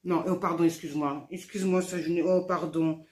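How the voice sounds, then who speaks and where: A woman hosting a children's puppet show, speaking gently and directly to the children. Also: fairly low pitch, steady tone, brisk. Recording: roomy echo.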